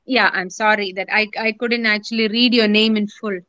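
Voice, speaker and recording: A woman with an Indian English accent teaching a journalism class online, explaining patiently, repeating her points and pausing with many fillers. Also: medium pitch, fairly even intonation, pushed and bright, no room sound, lo-fi sound.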